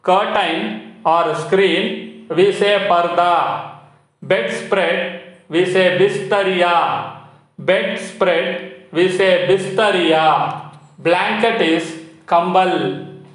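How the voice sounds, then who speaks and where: Man, Indian English accent, teacher, slow repeated word drill, very echoey room. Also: high-pitched. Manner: repeats each word pair slowly, drill-like. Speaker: Hindi teacher. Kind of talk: vocabulary lesson.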